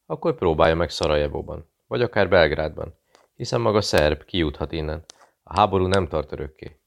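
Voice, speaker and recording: A man reading a calm British investigator who talks in a friendly, quietly persuasive way. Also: extremely low pitch, creaky. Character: cool British male investigator posing as journalist.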